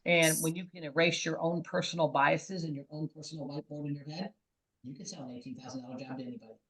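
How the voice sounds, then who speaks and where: A man with a fairly high voice coaches bluntly over a video call. His voice keeps dropping in and out as the internet connection fails, so the words fade away unevenly. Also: fairly even intonation, fast talker, fairly bright tone, slightly rough, poor audio. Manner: blunt, emphatic. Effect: voice cutting in and out over a bad internet connection. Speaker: franchise sales coach.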